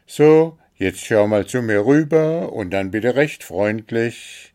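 A man's voice: mid-range voice, lively intonation, takes it slowly, darkish tone. A man voicing a fussy, easily exasperated male kobold in a storybook. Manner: exasperated, grumbling. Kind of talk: storybook character voice.

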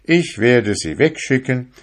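A man's voice: medium pitch, sing-song, slow, pitched above the performer's own voice. A man voicing a young lovestruck fisherman who speaks in an eager, pleading way, raised above his own voice. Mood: tender, pleading.

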